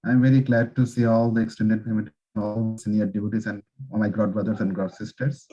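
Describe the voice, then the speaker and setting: A man introducing himself in a video meeting, earnest and hesitant with many pauses. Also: lowish voice, flat delivery, mellow, dull audio. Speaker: meeting participant. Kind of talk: self-introduction on a video call. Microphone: video call.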